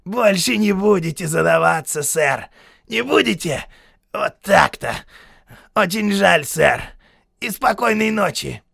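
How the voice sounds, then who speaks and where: A man voicing a crazed, murderous army sergeant who is fawning and sneering, with a shrill, barking delivery. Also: lively intonation, slow pace, vocal fry, fairly bright tone, no echo, studio quality, exaggerated voice. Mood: manic.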